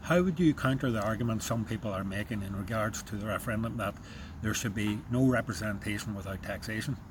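A man putting measured political questions as a podcast interviewer. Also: fairly low pitch. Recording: clear background noise.

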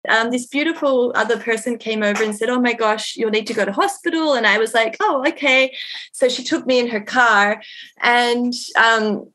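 List: woman, podcast guest, higher pitch, animated, earnest. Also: moderate pace, a little hiss or hum. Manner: earnest, animated, uses 'like' often. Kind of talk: personal storytelling in conversation.

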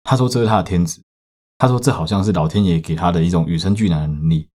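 Low-voiced man with a Taiwanese accent. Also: fast. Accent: Taiwanese Mandarin. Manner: profane, with sudden loud outbursts. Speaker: podcast host. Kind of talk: casual storytelling.

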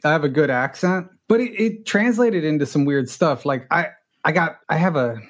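His voice sits on the high side and moves at a moderate pace. A middle-aged Angeleno whose first language was Spanish, he appears as a guest, telling his story frankly, mocking himself, with frequent restarts.

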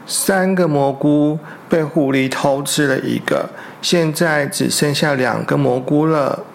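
Children's storyteller, unhurried and soft. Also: medium pitch, creaky. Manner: slow, gentle, asks the children questions. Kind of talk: reading a picture book aloud to children.

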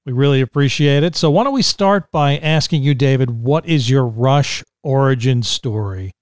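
A man's voice: mid-range voice, normal speed, no echo, studio quality. A man co-hosting a fan podcast, introducing the guest and asking questions in a friendly way. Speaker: podcast co-host. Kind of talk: casual podcast chat.

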